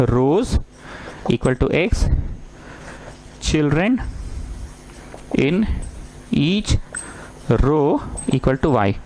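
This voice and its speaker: A man teaching a maths lesson, coaxing his students and repeating lines slowly as he dictates. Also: on the high side, a little mellow, poor audio. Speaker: maths tutor.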